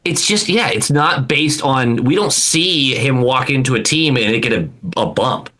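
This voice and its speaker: A man co-hosting a sports podcast in casual chat, animated and quick to laugh, often restarting his sentences. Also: medium pitch. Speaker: podcast co-host.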